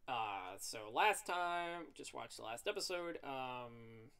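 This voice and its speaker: A man's voice: mid-range voice, vocal fry, clear, resonant tone. A man playing a visual novel on his channel, reading the text aloud and joking about the bad writing. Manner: animated, rambling, quick to mock the writing. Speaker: gaming YouTuber. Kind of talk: let's play, reading game text aloud with commentary.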